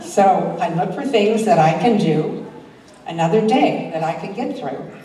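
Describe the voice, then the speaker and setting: Speaking at a measured pace, an older woman with a fairly low, expressive and mellow voice presents her own poetry at a church talent show. She's an amateur reading to a live crowd, captured by a distant mic in a very echoey hall with faint noise.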